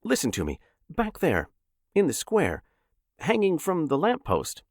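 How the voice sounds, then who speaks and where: A man voicing a terrified middle-aged shopkeeper who shouts and pleads frantically in an audiobook. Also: on the high side, wildly swooping pitch, a little slow, no room sound, clean studio sound, voice pushed up, full character voice. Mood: urgent pleading. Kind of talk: audiobook character voice.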